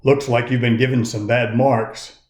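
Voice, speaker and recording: A man voicing a large, kindly male woodcarver who speaks gently, thoughtfully and reassuringly in a storybook. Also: medium pitch, flat delivery, moderate pace, lightly acted. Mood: gentle, reassuring. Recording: roomy, echoey sound.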